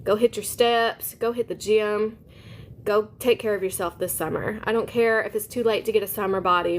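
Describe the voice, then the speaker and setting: A woman's voice: medium pitch, a little hiss or hum. Chatty woman eating on a live stream. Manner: chatty, upbeat, talks to viewers while chewing. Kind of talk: casual live-stream chat while eating.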